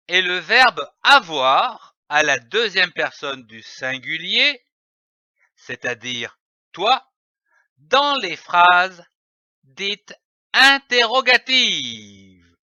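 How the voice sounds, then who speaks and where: A man teaching a reading lesson for young children, spelling out letters and syllables slowly and deliberately. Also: sits high, bright, forceful tone, dry recording. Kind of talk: slow, carefully articulated phonics lesson. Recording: dry, dull lo-fi voice-over.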